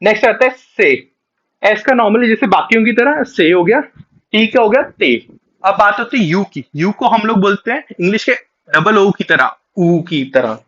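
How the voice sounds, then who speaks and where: A man with a high, animated voice talks beginners through a language lesson one step at a time, moving between Hindi and English. He slows down to sound out each letter clearly. The recording is dull and lo-fi. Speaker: Spanish teacher.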